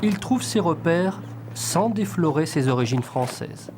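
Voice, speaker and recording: A man reading scripted documentary narration in a measured, smooth way. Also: a little high, animated, noisy background.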